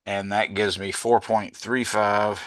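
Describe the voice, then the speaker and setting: Bright-toned tired physics tutor man. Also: lowish voice, level tone, dry recording. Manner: slow, methodical, reads out numbers step by step, self-correcting. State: tired, yawning. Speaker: physics teacher. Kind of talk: working through problems aloud.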